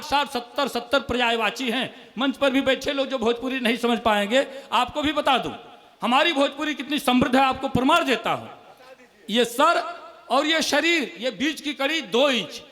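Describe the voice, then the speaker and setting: High-voiced Bhojpuri comic poet. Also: male voice, fairly bright tone, big-room sound. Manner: jokey, banters with the crowd, recites verses slowly. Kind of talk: humorous stage poetry recital.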